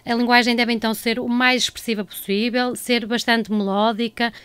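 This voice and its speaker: A woman speech therapist with a European Portuguese accent, giving measured explanations. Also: a little high, flat delivery, fairly bright tone, clean tone, dry recording. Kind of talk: informational talk on a local program.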